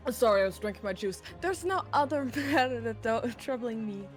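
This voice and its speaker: A woman's voice: fairly high pitch, lively intonation, moderate pace, over music. A woman guesting on a stream, chatting crudely and jokingly while reading a game.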